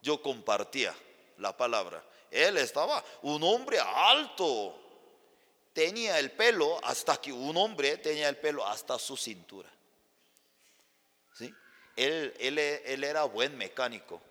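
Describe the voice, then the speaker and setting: A man's voice: mid-range voice, sing-song, unhurried, pushed and bright. A male pastor, a native Chinese speaker, telling a sermon story with acted voices. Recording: long hall reverb.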